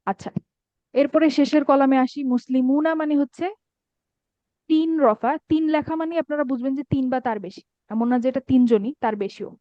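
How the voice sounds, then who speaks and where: A woman's voice: sits high, brisk, dry recording. A woman teaching an online Arabic grammar class, patiently checking that students follow. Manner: patient, checks understanding often. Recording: dull dry lo-fi sound.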